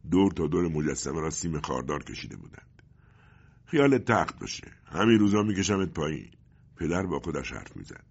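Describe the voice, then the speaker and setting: A man narrating a story in a steady, grave storytelling manner, with a muffled recording. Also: a bass voice, creaky, husky. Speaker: audiobook narrator.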